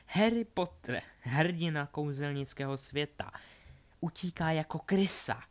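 A man's voice: a little high, pitched above the performer's own voice, natural voice. A man voicing a cold, scheming young witch who taunts and mocks her enemy, read aloud as a storybook character. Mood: mocking. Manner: taunting, ironic.

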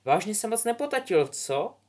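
A man voicing an excitable, gossipy young schoolgirl who shrieks in surprise. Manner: high shrill exclamations.

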